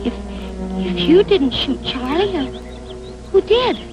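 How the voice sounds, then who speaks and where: An earnest, kind-hearted girl with a very high, lively voice who stammers when flustered. The sound is a 1950s TV broadcast, and a loud music score plays under her lines. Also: takes it slowly, highs cut off, heavily acted. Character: earnest young girl, kind and quick to defend.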